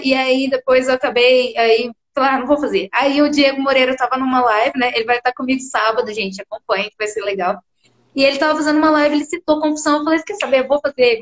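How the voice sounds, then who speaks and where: Brazilian woman, high voice, loud and effusive, chatting in an echoey room. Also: fast talker. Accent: Brazilian Portuguese. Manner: effusive, emphatic, speaks loudly. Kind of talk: casual conversation.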